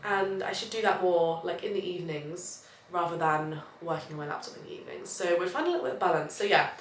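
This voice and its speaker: This young woman, a personal trainer and vlogger, talks fast in a low-leaning voice made nasal by allergies as she bubbles and rambles through her day, often at her own expense. She's filming a casual vlog at home in her flat. The sound is roomy and far off, carrying faint ambience and a touch of hiss or hum.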